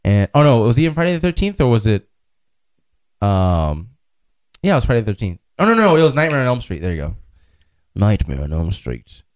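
Lively, animated man, casual host. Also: on the low side, a little fast, pauses often. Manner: animated, laughing, swings from loud to mumbling. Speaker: podcast host. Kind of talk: casual chat.

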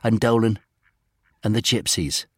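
Storyteller: a man with a low, husky voice, recorded close and dry. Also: a little slow, no echo. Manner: steady, gently dramatic reading. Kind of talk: storybook narration.

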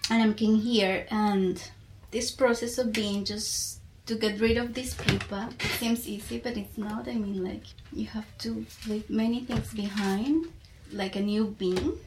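The recording is rough, with a little hiss or hum, behind a woman's higher-than-average, steady voice. She's a Colombian poet and teacher, a native Spanish speaker with the accent to match, speaking haltingly as a podcast guest in a casual, reflective conversation while searching for words.

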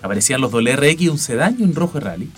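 A Chilean man in his forties chats casually as a podcast co-host, telling anecdotes. His voice is medium in pitch, with soft music behind it. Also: big pitch swings, very fast, husky. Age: 40s.

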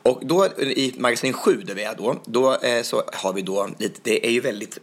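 A man co-hosting a casual podcast chat, an animated storyteller. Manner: animated storyteller, acts out others' lines with high shouts. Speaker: podcast co-host.

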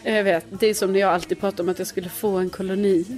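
A woman's voice: mid-range voice, fairly even intonation, a little mellow, soft background music. A young woman co-hosting a casual podcast, chatty and laughing often. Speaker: podcast co-host. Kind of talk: casual chat.

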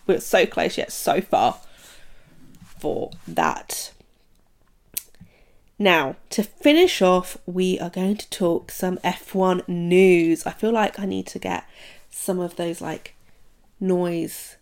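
A woman's voice: lowish voice, slow, pauses often, darkish tone. A young woman from the United Kingdom hosting a casual solo podcast, chatty and full of "um" and "like". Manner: chatty, many fillers like "um" and "like". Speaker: podcast host.

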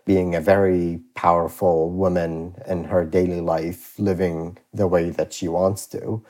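A young man from Iraq with a low, dark voice, talking as a guest on a podcast. He speaks openly and reflectively, with easy laughter between thoughts. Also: little pitch movement, a little slow. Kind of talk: podcast interview.

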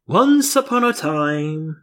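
A man in his late thirties co-hosts a casual podcast chat. He walks through a news story with easy laughs. His pitch rises and falls a lot as he talks. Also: big pitch swings, slow, a bit bright. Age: 30s. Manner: chatty, laughs often, explains news stories. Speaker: podcast co-host.

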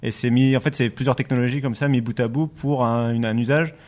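A man co-hosting a tech podcast at an ordinary mid pitch. He talks loosely and thinks aloud, often breaking off and restarting his sentences. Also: steady tone, brisk, a little mellow. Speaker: podcast co-host. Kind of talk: casual tech chat.

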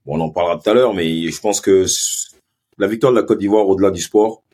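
A man with a Marseille accent talks in a casual podcast interview. His voice sits deep and low, with a husky grain. He tells stories in a lively, animated way, stumbling over restarts as he goes. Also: brisk. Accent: Marseille French. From Ivory Coast and Marseille. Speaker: guest, former pro footballer turned sports marketing agency head.

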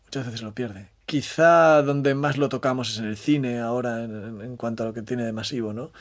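A man talks in a reflective, conversational interview style. His pitch sits in the middle range. He pauses to think, repeats phrases and checks in with little tag questions. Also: fairly even intonation. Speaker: interview guest, maths communicator and storyteller.

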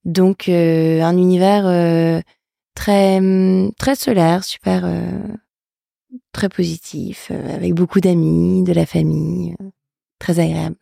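A middle-aged woman from northern France, an entrepreneur guest, talking in a relaxed way with frequent hesitations. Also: lowish voice, slow pace, gravelly, dry recording, clean studio sound. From Lille, northern France. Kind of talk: interview conversation.

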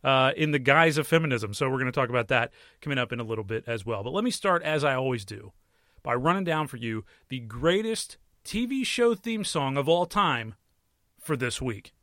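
Recorded close-up inside a small closet with no room sound, this American podcaster in his thirties reviews movies and TV on a relaxed solo show. He speaks wryly and conversationally in a mid-range voice that's animated and a bit bright, at normal speed.

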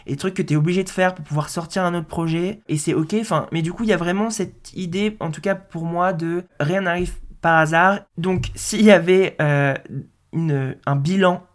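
Low-voiced young woman, casual chat. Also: normal speed. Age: 20s. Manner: relaxed, chatty, many fillers. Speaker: podcast host. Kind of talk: casual audio note monologue.

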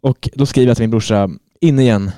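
A man's voice: medium pitch, mellow, no echo, studio quality. A man on a football podcast, telling a long story in casual chat and swearing freely. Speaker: podcast co-host.

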